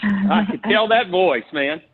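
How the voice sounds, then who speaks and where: A man's voice: high voice, expressive, slow, husky. A man casually fielding questions as the presenter of a webinar. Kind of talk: casual question-and-answer chat. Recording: dull, lo-fi webinar audio.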